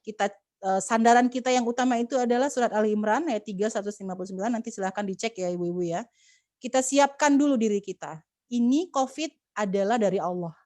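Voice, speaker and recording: A woman's voice: on the high side, fast talker, mellow, no echo. A woman speaking as a communication expert on a video call webinar, giving earnest, preachy advice to mothers with many fillers and restarts.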